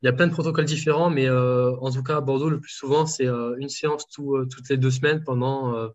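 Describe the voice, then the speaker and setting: A man's voice: mid-range voice, steady tone, fast talker. Hesitant man on a dull line. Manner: hesitant, many fillers and restarts. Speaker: home enteral nutrition dietitian. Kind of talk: casual interview answers. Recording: dull lo-fi sound.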